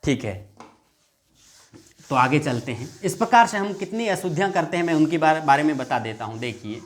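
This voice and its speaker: A man with a fairly high voice teaches grammar for exam preparation. He explains patiently, says example words again and again, and dictates rules word by word. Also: animated. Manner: explains patiently, repeats words slowly, asks students questions. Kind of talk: exam-prep lesson.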